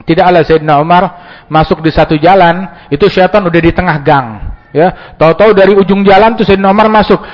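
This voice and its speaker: Preacher in an echoey hall. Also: male voice, high voice, a little fast. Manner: animated storytelling, acting out dialogues; mixes Arabic quotations and Jakarta slang. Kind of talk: Islamic sermon. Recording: dull lo-fi sound with long hall reverb.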